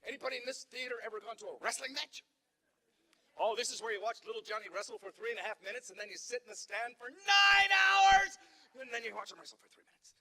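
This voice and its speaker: High, bright-voiced rambling male comedian. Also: expressive, fast. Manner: rambling storyteller with stammering restarts. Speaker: stand-up comedian. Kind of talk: stand-up comedy routine. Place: theater stage.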